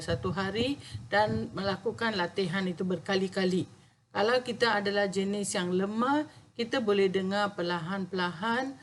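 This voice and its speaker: A woman with a Malaysian accent teaches letters in a patient, repetitive way, sounding each one out slowly. Her voice sits in a middle pitch. A faint noise runs under the recording. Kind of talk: language lesson.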